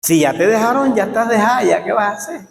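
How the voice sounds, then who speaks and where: Pastor, high voice, jokey sermon, lots of church hall echo. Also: male voice, expressive, fast talker, vocal fry, slight background noise. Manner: folksy, joking, calls on the congregation to answer. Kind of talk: Sunday school sermon. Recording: echoey church hall reverb.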